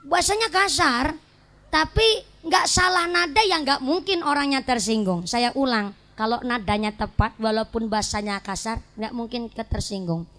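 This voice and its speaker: A woman preacher with a high voice and a Banyumas Javanese accent delivers a comic sermon. She tells playful stories and slips regional dialect words into her talk. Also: normal speed, fairly bright tone. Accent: Banyumas Javanese (Ngapak). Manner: jokey storytelling, mixes regional dialect words into Indonesian. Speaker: Islamic preacher. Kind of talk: humorous sermon.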